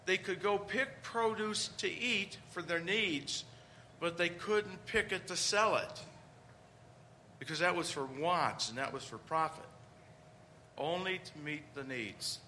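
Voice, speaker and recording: A man's voice: high voice, takes it slowly, pushed and bright, slight background noise. A man preaching a conversational homily, with rhetorical questions and emphatic points.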